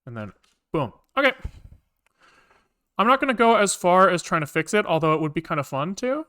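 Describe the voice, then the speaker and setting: Very animated and fairly quick, this programmer has a high, smooth voice that sounds pushed and bright. He thinks aloud while coding on a livestream, rambling casually, repeating words to himself, and swearing in an offhand, casually profane manner.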